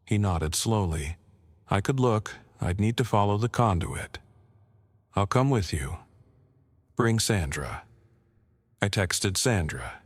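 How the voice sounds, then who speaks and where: A deep-voiced man narrates a scripted first-person horror story, delivering it in a measured, matter-of-fact way with short, clipped sentences.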